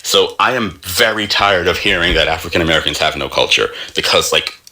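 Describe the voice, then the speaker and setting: A man's voice: deep voice, fairly quick, pushed and bright. A man born in Jamaica and raised in America giving an emphatic opinion rant. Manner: emphatic, building intensity.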